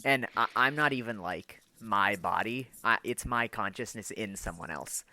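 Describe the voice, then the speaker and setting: A man's voice: on the low side, moderate pace, bright, forceful tone, dry recording. A man co-hosting a casual podcast, telling a long story in a rambling way, full of fillers and the odd swear word. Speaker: podcast co-host. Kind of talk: casual chat.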